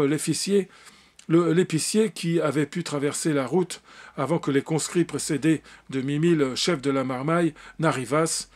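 Male audiobook reader, slightly high-pitched, expressive narration of a classic novel. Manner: expressive narration with occasional slips. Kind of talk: novel reading.

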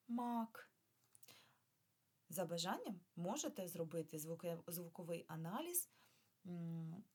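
A woman with a fairly low, breathy voice teaches young children in a remote lesson. She speaks patiently and clearly, stretching out each sound and pausing to ask the class questions. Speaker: primary school teacher. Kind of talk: remote lesson for first graders.

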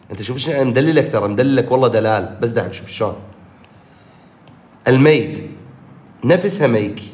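A male teacher with an Iraqi Arabic accent, giving an exam review lesson and repeating key points with lively jumps in pitch. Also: reverberant. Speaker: English teacher.

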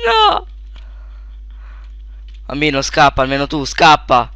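A young man giving casual let's play commentary, shouting at sudden deaths and then muttering quietly to himself, close to a desk mic. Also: slow, dry recording. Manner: excitable, yelps and shouts at in-game deaths, then mutters low.

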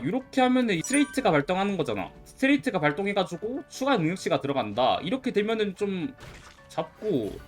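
A man doing casual, chatty let's play commentary, thinking aloud as he goes. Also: a little high. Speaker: YouTube game streamer.

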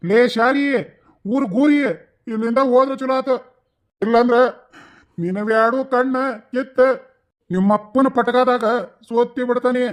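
A quarrelsome village man from a cartoon scolds bluntly, as a man acts him out. His voice sits fairly high for a man. He fires off short, gruff rebukes. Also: steady tone, measured pace, long pauses. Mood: angry scolding. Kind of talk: cartoon dialogue.

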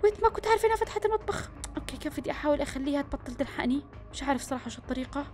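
A young woman talks fast and high over a game, narrating each move aloud. She is excitable, bursting into screams and dropping into quick whispers. Faint game music plays behind her. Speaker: gaming YouTuber. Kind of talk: let's-play commentary.

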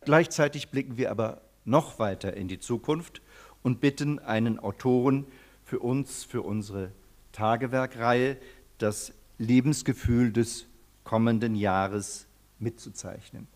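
A man's voice: mid-range voice, measured pace, a little mellow. Composed middle-aged man, ceremony remarks. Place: hotel ballroom with audience.

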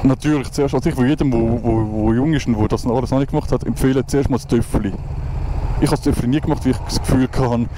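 A man's voice: medium pitch, steady tone, fast. A Swiss man in his twenties with a Swiss German accent, chatting casually as a motovlogger while riding through traffic, rambling with many restarts and fillers. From Switzerland. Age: 20s. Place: outdoors on a motorcycle in traffic. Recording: road and wind noise behind the voice.

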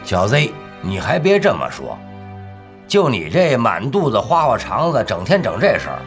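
A man's voice: very deep voice, big pitch swings, moderate pace, gravelly, soft background music, heavily acted. An actor playing a blunt, sarcastic retired father-in-law over sixty, in a TV drama. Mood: scolding. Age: older. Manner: scolding, sarcastic. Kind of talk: TV period drama acting.

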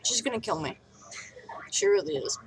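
A woman's voice: mid-range voice, lively intonation, normal speed, a little hiss or hum, low-quality recording. A woman rambling casually in a vlog while eating and coughing, talking with her mouth full. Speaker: vlogger.

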